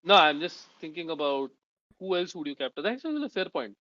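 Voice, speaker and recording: A man's voice: a little high, big pitch swings, fast talker, bright, forceful tone, no room sound, dull audio. A man co-hosting a podcast in casual analytical chat, reasoning steadily through his points. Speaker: podcast co-host.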